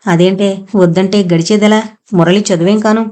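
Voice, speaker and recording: A woman's voice: mid-range voice, steady tone, moderate pace, natural voice. A woman voicing a frail, tender old mother. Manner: soft, tired and tender. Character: frail ailing older widowed mother, gentle.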